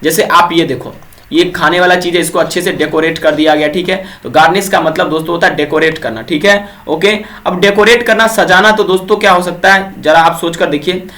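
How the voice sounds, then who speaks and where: A young man with a high-pitched voice teaches English words for an exam. He keeps putting questions to his viewers and answers them himself, tagging each point with a quick check-in. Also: pushed and bright. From Bihar, India. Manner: repeats quiz questions to viewers, fills with "ठीक है". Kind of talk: exam-prep vocabulary lesson.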